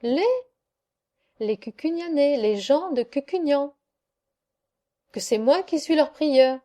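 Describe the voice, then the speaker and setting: A woman reading an audiobook voices a village priest, a man who pleads fervently and is quick to take fright. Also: high-pitched, lively intonation, warm tone. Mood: polite. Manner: pleading, fervent, easily alarmed. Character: anxious village priest, a middle-aged man.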